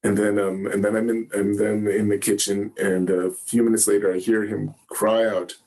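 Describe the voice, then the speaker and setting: A man giving a Zen dharma talk, gentle and halting, often pausing to search for words. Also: lowish voice, level tone. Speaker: Zen teacher. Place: meditation hall.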